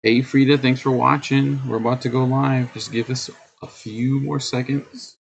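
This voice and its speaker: A man's voice: medium pitch, flat delivery, moderate pace, vocal fry, slight background noise, low-quality recording. A middle-aged man hosting his own live stream in casual chat, humming and scatting to fill the waits. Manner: chatty, hums and scats while waiting. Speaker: streamer host.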